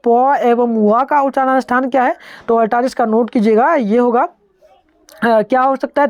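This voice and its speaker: Woman teacher, higher voice, dry close sound, patient step-by-step exam explainer. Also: a little mellow, no echo. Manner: explains step by step, has students try sounds aloud. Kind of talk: online exam-answer lesson.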